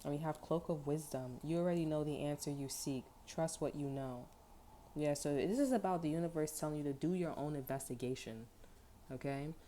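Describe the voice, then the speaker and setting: A woman's voice: low-pitched, brisk, mellow, slight background noise. A woman giving a casual tarot reading, rambling and peppering her talk with okay and like. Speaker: tarot reader.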